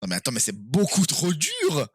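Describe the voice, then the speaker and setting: A man streaming live and playing a quiz game with his viewers, excitable and quick to exclaim and swear when he is stuck. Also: fairly high pitch, husky, dry recording, clean studio sound.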